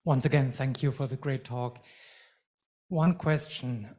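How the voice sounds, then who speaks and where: A man in the audience asking a measured, deliberate question. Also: mid-range voice, mellow.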